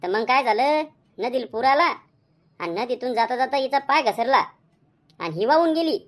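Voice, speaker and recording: A worn-out village husband from a cartoon comedy, voiced by a man, grumbling along in a Khandeshi Marathi accent. The voice is pitched high for a grown man, tired and put-upon in every line. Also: lively intonation, moderate pace. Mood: explaining. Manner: grumbling, weary complaining. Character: harried lazy village husband, middle-aged.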